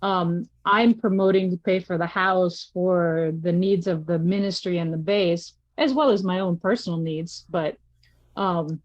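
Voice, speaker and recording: A woman's voice: on the low side, a little slow, no echo. A woman in a group discussion, speaking earnestly and repeating herself to stress her point. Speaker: missionary in class. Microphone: video call. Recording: dry, muffled call audio.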